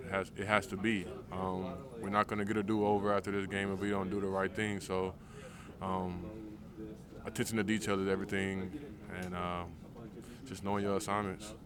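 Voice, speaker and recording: Young male football player, very deep voice, flat delivery, casual interview answers, crowd chatter behind. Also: normal speed. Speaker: professional defensive football player. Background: crowd noise.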